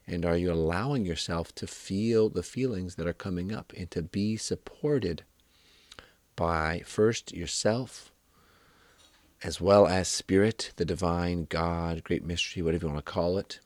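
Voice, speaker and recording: A man talking as a wellness coach in a reflective monologue, gentle and affirming, often checking in with the listener with "right?". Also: low-pitched, no room sound.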